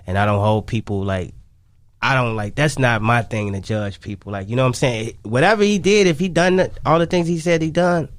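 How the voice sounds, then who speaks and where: A Chicago man, a music artist appearing as an interview guest, talks casually in a mid-range voice at a slightly fast pace. He repeats himself and often says "you know what I'm saying." The recording is dry.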